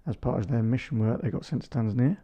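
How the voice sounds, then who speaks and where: A man's voice: medium pitch, fast, slightly rough, lo-fi sound. Joking man co-hosting a casual podcast. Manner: joking, teasing. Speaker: podcast co-host. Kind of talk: casual couple chat.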